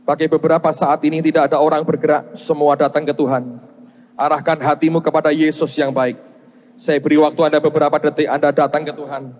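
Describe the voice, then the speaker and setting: An Indonesian pastor with a fairly high voice delivers a sermon, telling his story and voicing the people in it. His voice rings with a long hall echo and the sound is a little muffled, as in a big church. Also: level tone, quick pace. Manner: storytelling, quoting God and others in dialogue.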